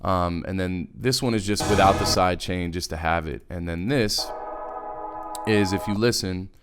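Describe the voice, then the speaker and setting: Pitched low and moving a little slowly, this man narrates a relaxed screen-recorded tutorial on music production from indoors. He talks in easygoing slang and keeps drifting off on tangents, with the software's music audible behind him.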